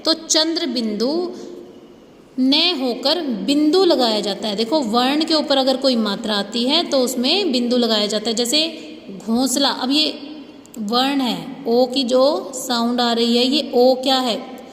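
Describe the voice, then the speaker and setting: A woman school teacher giving a slow, patient grammar lesson to young students, often checking that they follow. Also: high-pitched. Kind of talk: online class lesson. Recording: echoey room with faint ambience.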